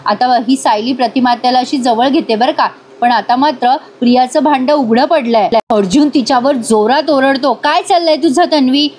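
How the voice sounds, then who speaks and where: Woman, high voice, chatty serial recap narrator, talks to viewers, faint background hiss. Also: normal speed, few pauses, a little mellow. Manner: chatty, addresses viewers, switches into characters' lines with raised pitch. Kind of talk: voice-over episode recap, acting out dialogue.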